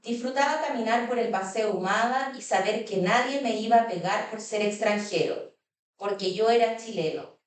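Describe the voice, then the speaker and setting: A woman moderates a panel and reads a passage aloud, measured and steady. Her voice sits at a middle pitch. It comes from a distance and rings through a large, echoey hall. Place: consulate event hall.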